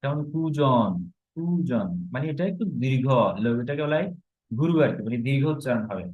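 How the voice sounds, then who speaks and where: A man's voice: medium pitch, fast talker. Patient man teaching a grammar class. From Bangladesh. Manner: patient, explains step by step with rhetorical questions. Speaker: Sanskrit teacher. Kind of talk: online grammar lesson. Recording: slightly dull, lo-fi recording.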